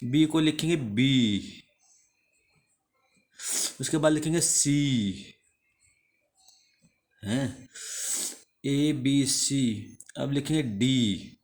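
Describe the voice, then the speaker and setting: A man with an Indian accent teaching the English alphabet in a slow, repetitive lesson, asking a question and then answering it himself. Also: mid-range voice, darkish tone. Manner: slow, repeats each answer after asking it.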